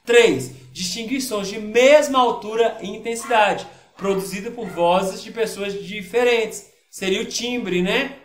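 A man's voice: sits high, a little slow, few pauses, echoey room, slight background noise. A man with a Brazilian Portuguese accent, a physics teacher talking casually through worksheet exercises in an online lesson and often checking in with his students.

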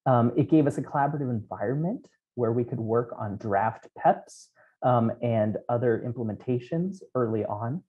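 Speaking at a normal speed with a medium pitch, a man in his thirties delivers a technical conference keynote from a small room at home. He walks through code step by step, dropping in frequent ums. A headset captures him indoors, and the remote recording comes across dull and lo-fi.

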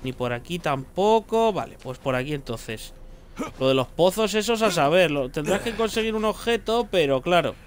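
A man's voice: on the high side, lively intonation, normal speed, slight background noise. A man giving casual gameplay commentary, muttering to himself, joking and swearing as he plays. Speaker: gaming streamer.

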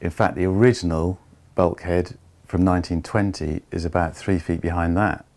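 A man in his fifties giving a measured, step-by-step tour of an old barge's wooden hold. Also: low voice, steady tone, a little mellow. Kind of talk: explanatory walking tour.

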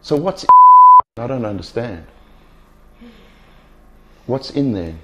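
A man's voice: medium pitch, animated, slow, warm tone, a little hiss or hum. A man leading a deliverance session as minister, insistent and commanding, repeating his questions and phrases. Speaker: exorcist minister. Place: small furnished indoor room.

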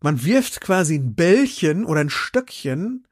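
A man's voice: fairly high pitch, sing-song, measured pace, husky, no room sound, studio quality. A man co-hosting a podcast, eagerly retelling an episode in casual chat and acting out characters' lines. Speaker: podcast co-host.

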